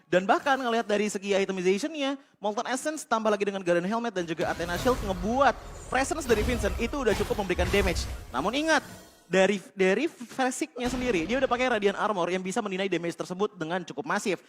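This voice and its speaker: A man's voice: high-pitched, expressive, quick pace. A man with an Indonesian accent giving detailed analytical esports commentary, peppered with English game terms. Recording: loud music behind the voice. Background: music.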